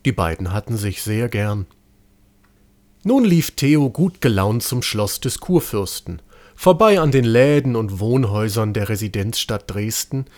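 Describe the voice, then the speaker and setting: Man, storybook narrator, medium pitch, lively intonation.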